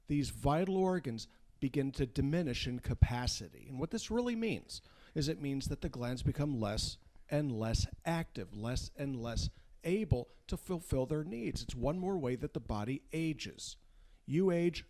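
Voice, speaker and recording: A man's voice: medium pitch, darkish tone. A man speaking as a guest doctor, giving an informal medical lecture in an emphatic, folksy way with rhetorical questions. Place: unfinished studio.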